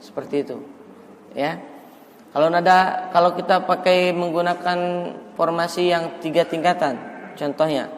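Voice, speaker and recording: A man teaching melodic Quran recitation in a mosque, explaining the rules calmly and then chanting verses slowly to show the tune. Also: a little high, big-room sound, a little hiss or hum. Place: mosque hall.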